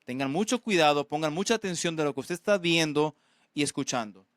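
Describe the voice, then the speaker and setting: A man's voice: fairly high pitch, a bit bright, no echo, clean studio sound. A man preaching a sermon as pastor, earnest and often checking in with his listeners. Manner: earnest, asks "¿verdad?" often, halting restarts.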